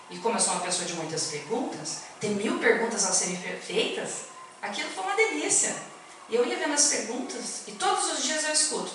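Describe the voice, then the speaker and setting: A woman's voice: on the high side, fairly bright tone, far from the mic, a little hiss or hum. A woman giving an informal spiritist talk, chatty and often putting questions to her listeners. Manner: chatty, asks the audience questions. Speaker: spiritist lecturer. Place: spiritist centre hall. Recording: echoey hall, speaker off-mic.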